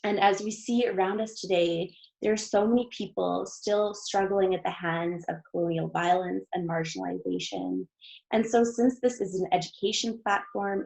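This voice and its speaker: A woman's voice: lowish voice, creaky, darkish tone, poor audio. A young woman hosting, giving an earnest, enthusiastic formal introduction of a guest speaker. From Canada.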